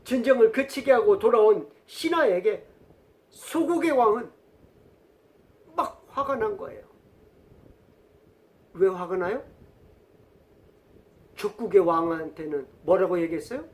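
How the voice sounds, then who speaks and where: A man's voice: high voice, expressive, unhurried, long pauses. A male pastor giving a sermon, telling stories and asking the congregation questions. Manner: storytelling, asks the congregation questions.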